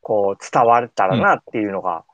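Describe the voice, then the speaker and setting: A man's voice: fairly low pitch, animated, brisk, a bit bright, no echo. A man with a Kansai accent hosting a radio show in casual, colloquial chat. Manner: informal, colloquial.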